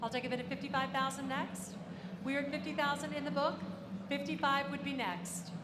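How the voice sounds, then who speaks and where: A woman's voice: high-pitched, steady tone, a little fast. A woman auctioneer calling a live auction, repeating bids and asking for any advance. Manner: auctioneer's repetitive bid calling. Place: large auction room. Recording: echoey hall, ambient noise.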